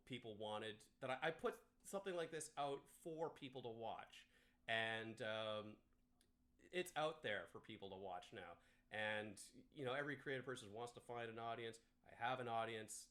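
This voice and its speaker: Streamer, man, 30s, slightly tipsy, halting and chatty, average pitch. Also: fairly bright tone. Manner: halting, full of fillers and restarts, laughs often. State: a few beers in. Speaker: streamer and filmmaker. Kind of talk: rambling live-stream sign-off.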